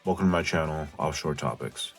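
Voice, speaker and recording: Young man, nasal, deep voice, casual self-mocking vlog host, scripted narration, faint music underneath. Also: brisk, slightly rough. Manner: casual, self-mocking, bursts into loud rants. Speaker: YouTube channel host.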